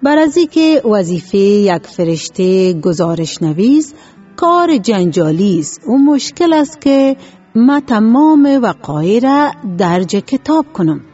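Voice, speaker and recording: Lady putting on a slick fake angel, ceremonious, soft music under it. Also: medium pitch, very animated, muffled recording. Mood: smooth. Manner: smooth-talking, ceremonious. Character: sly thief posing as an angel.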